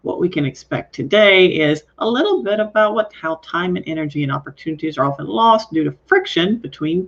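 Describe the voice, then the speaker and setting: A woman hosting a live career talk show, introducing her guest in an upbeat, inviting way. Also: lowish voice. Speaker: host. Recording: dull lo-fi audio.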